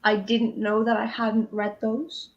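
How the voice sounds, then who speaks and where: A woman joins a casual livestream chat about reading. Her voice sits fairly high, and she talks in an animated, teasing way. She laughs often between thoughts. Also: measured pace, muffled recording. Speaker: guest on a reading stream.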